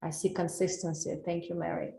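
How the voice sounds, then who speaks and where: A Russian wellness coach with a Russian accent runs a live webinar over a video call, speaking earnestly and personally and putting questions to her audience. Her voice is lowish and dark, with vocal fry, little pitch movement and a brisk pace. The computer mic picks up a roomy sound.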